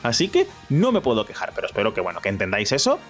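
A man's voice: lowish voice, huge pitch swings, very fast, faint music behind. A young man with a Spanish accent from Spain, giving jokey, self-mocking commentary over a game playthrough and talking to his viewers. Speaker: gaming YouTuber.

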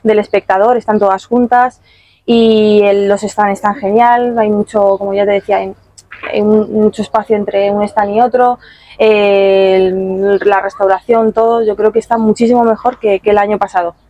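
A young woman padel player answering interview questions after a match, calm and measured, with many fillers, outdoors at a tournament stand on a handheld mic. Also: medium pitch, no echo, poor audio.

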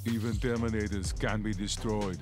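An actor playing a cold, logical killer cyborg in a video game, matter-of-fact in manner. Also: male voice, on the low side, little pitch movement, normal speed, loud music behind the voice, close to an everyday voice. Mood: stoic. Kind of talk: video game character dialogue.

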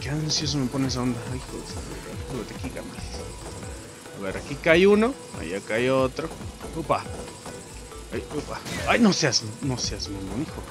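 A young man with a Mexican Spanish accent giving casual, excitable gameplay commentary, swearing and yelping at the game. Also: mid-range voice, moderate pace. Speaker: gameplay streamer. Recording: game music in the background.

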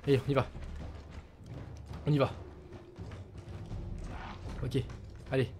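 A young man giving excitable let's play commentary, swearing a lot and shouting at enemies. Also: medium pitch, slow pace, background noise. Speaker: gaming channel host.

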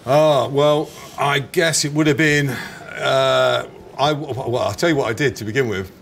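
A snack company founder in his forties, English-accented, is interviewed indoors at a bar with clear background ambience. His medium-pitched, fairly bright voice moves a little slowly as he chats casually, hesitating and correcting himself.

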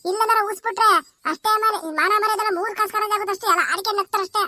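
A woman's voice: extremely high pitch, fairly even intonation, rapid-fire, bright, forceful tone, no room sound, exaggerated voice. A woman voicing a young village woman in a cartoon who nags and pleads with her grandmother. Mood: nagging. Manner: pleading, nagging rural chatter.

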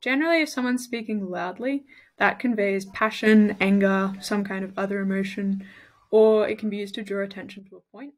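With a medium-pitched voice, a woman from Australia who works as a tutor walks through study tips in a clear, step-by-step explanation. She marks the important points through vocal emphasis.

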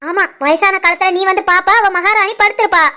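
[name], a woman doing a shrill spiteful sister-in-law. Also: fairly even intonation, fairly quick, pushed and bright. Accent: Tirunelveli Tamil. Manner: taunting, accusing. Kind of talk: animated family cartoon voice acting.

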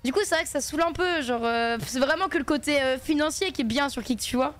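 High-voiced woman streaming games. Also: quick pace. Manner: chatty, slangy, talks to chat while playing. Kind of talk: casual gaming stream chat.

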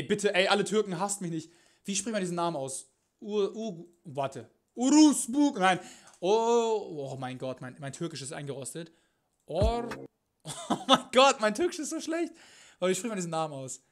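A young man streams live from his home kitchen, slangy and crude, cursing freely as he talks. His voice sits slightly high. He drifts between low mumbling and sudden loud outbursts. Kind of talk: casual live-stream chat.

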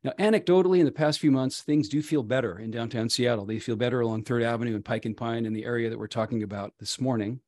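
Man, panel moderator, mid pitch, dry close sound, measured questions. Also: mellow, no echo.

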